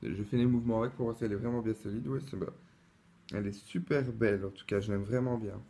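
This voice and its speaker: A man's voice: fairly low pitch, steady tone, quick pace, mellow. Chatty man unboxing a collectible. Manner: chatty and hesitant, many fillers and restarts. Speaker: collector unboxing a replica wand. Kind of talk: casual unboxing vlog. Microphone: camera mic, close-up.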